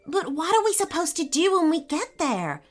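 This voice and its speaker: A woman's voice: extremely high pitch, very animated, moderate pace, soft background music, pitched above the performer's own voice. A woman voicing a cautious, earnest young boy in a children's storybook. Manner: earnest, unsure. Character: young boy, thoughtful and cautious older brother.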